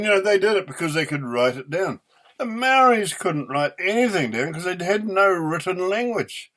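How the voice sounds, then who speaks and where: Indignant older New Zealand man ranting, pitch swinging. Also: a bit bright. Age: older, eighties. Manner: indignant, emphatic, sweary, with drawn-out stressed words. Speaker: opinionated vlogger. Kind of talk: unscripted angry rant.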